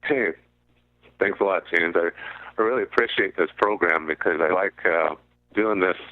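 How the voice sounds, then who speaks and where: Speaking at a moderate pace, a very deep-voiced man appears as a guest commentator on a radio show, explaining financial matters. His voice is heard over a muffled, narrow line that sounds like a phone.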